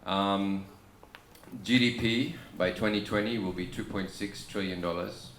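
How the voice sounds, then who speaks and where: A man with an Australian accent speaking on a conference panel, relaxed and halting with many ums and restarts. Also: low-pitched, slight background noise. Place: conference room. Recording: echoey conference room with faint ambience.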